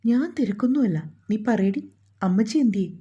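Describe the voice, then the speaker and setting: Woman playing a firm teasing husband, dark breathy voice, lo-fi sound. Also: mid-range voice, normal speed. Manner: teasing, firm, matter-of-fact. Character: grown man, loving husband and firm son. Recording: dull lo-fi recording.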